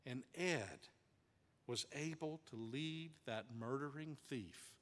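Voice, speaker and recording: A man's voice: medium pitch, slow. Man preaching in a reverberant sanctuary. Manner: dramatic, varied pacing with hushed drops. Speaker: pastor. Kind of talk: sermon storytelling. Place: church sanctuary.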